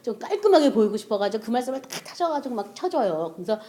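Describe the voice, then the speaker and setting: A woman's voice: a little high, big pitch swings, quick pace, warm tone. A middle-aged woman preaching a sermon, telling stories with rhetorical questions and bursts of laughter.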